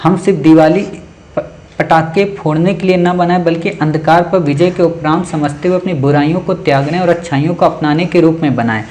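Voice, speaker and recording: Man slowly reading and correcting an essay. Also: on the high side, fairly even intonation, darkish tone. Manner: reads slowly, stops often to correct words; tag questions like "okay?". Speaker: teacher.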